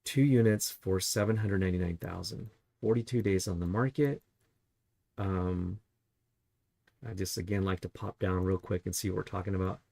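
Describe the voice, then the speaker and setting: A real estate agent, a man with a deeply gravelly voice, chats his way through property listings. His tone is husky and fairly low, and he keeps posing rhetorical questions. The sound is dry and close, with no room around it. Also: steady tone, normal speed, dark tone, no echo. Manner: chatty, asks rhetorical questions. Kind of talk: casual market review while browsing listings.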